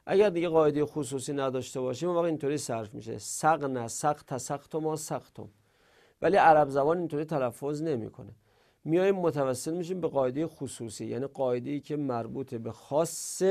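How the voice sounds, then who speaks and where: Gravelly man teaching grammar in lists. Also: a little high, a little mellow. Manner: recites verb conjugations in patient chanted lists. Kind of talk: spoken lesson.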